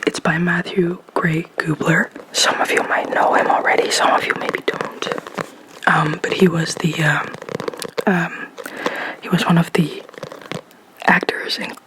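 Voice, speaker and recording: An ASMR host whispering and speaking softly into a close microphone covered with a sock, rambling and giggly, often stumbling over words. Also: medium pitch, little pitch movement, measured pace, poor audio. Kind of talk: ASMR whispering and soft-spoken talk.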